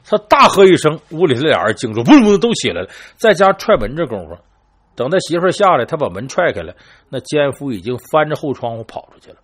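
A man telling an old crime story in a chatty, lively way, talking straight to his listeners and acting out the quoted lines. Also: a little high, fast talker, slightly rough. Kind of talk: casual spoken storytelling.

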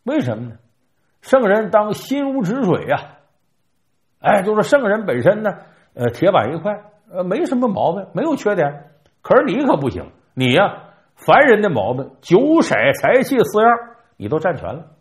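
A man's voice: high-pitched, wildly swooping pitch, normal speed, pitched above the performer's own voice. A man voicing a weary old male turtle who pleads and then needles with a sly, argumentative manner, in a told folk tale. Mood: sly, needling.

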